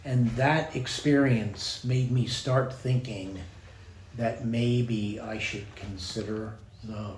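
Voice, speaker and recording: An older man, a priest from Baltimore with a slight Baltimore accent, telling stories in an unhurried, reflective way as a podcast guest. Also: medium pitch, steady tone, darkish tone. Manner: reflective, unhurried, with small restarts. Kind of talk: relaxed storytelling interview. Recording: echoey room with faint noise.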